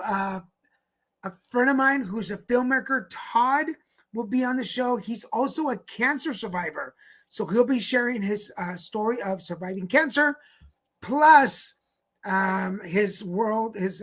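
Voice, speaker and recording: Husky-voiced chatty male co-host. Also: high voice, fairly bright tone. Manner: chatty, rambling with fillers. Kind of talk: casual live-stream chat.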